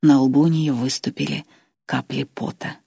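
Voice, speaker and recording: A woman reading an audiobook in steady, measured narration. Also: low voice, breathy edge, dry recording, clean studio sound. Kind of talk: scripted narration.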